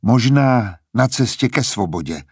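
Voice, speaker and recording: A man reading a defiant, angry young student who argues in raised, heated retorts with a husky voice. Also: mid-range voice, expressive, darkish tone, dry recording, studio quality.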